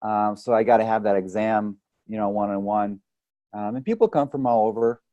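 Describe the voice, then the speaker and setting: A man with a fairly low, mellow voice speaks at a moderate pace in a recording that has no room sound and cut-off highs. He is a chiropractic or holistic health practitioner appearing as a podcast guest, explaining ideas through analogies and often checking in with "right?"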